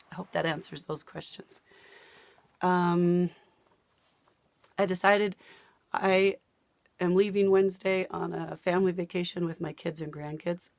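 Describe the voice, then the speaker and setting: An older woman from the United States vlogs from home about cross-stitch, her talk rambling and full of easy laughter. Days of talking have left her losing her voice, which is low-pitched with vocal fry. The recording is dry.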